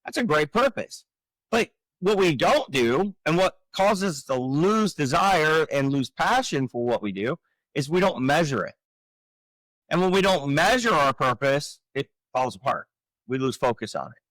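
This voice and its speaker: Man in his forties, fairly high voice, animated coaching tone, dry close sound. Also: measured pace, no room sound, poor audio. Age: 40s. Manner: energetic, coaching, rhetorical questions. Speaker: podcast guest, real estate coach. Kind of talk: casual podcast talk.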